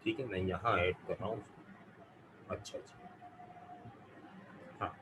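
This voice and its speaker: Guy teaching vocab online, says each word slow a few times, little bit of room noise. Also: low voice, steady tone. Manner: slow, careful pronunciation drills, repeating words. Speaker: English teacher. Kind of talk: live online vocabulary class.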